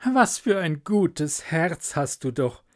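Man doing a miller's wife, storybook, gushing, soft, raised pitch, unhurried. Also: sing-song.

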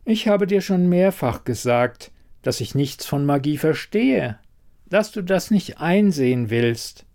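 A man putting on a wise old woman who talks calmly and slowly, her voice lifted well above his own. She sounds measured and guarded, a quiet healer by a campfire in a spoken fantasy tale. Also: on the high side, voice pushed up. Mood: sad, patient.

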